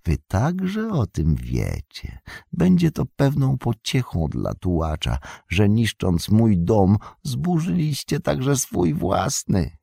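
A man voicing a bitter, scornful fallen old wizard turned beggar, with a gravelly, husky voice and drawn-out mocking speech. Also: a bass voice, lively intonation, darkish tone, no echo, studio quality, exaggerated voice. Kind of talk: audiobook character reading.

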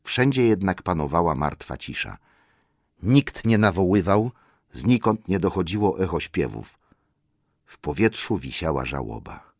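A man with a deep voice reads a storybook aloud, expressive and full of movement in his pitch. The recording is dry and close, with no room sound. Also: unhurried, breathy edge, dry recording. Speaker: audiobook narrator. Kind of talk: scripted narration.

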